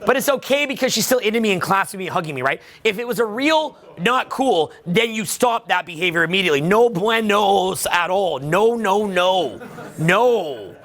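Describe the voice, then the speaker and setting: A man's voice: high-pitched, animated, normal speed, a bit bright. A man giving emphatic, profane voice-over commentary as a dating coach.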